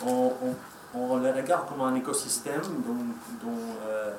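Speaking a little slowly at medium pitch, a native Spanish speaker with a Spanish accent stumbles through a conference presentation, restarting often and using many fillers. The echoey room is recorded from afar, with background noise.

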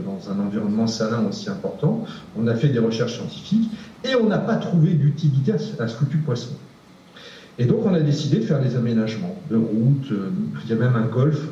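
A man's voice: medium pitch, dark tone. Hesitant man speaking in an echoey room. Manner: hesitant, many fillers and repeated words. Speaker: researcher. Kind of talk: panel discussion answer. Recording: distant, echoey, dull room recording.

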